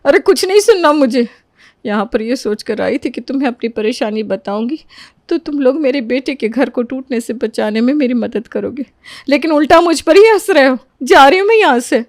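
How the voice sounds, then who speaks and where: Woman doing a touchy aunt in a cartoon, scolding and complaining, kinda high, dry sound. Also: animated, moderate pace, a little mellow, dry recording. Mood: offended, angry. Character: aggrieved middle-aged aunt, touchy and vindictive. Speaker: Bua ji, the visiting aunt.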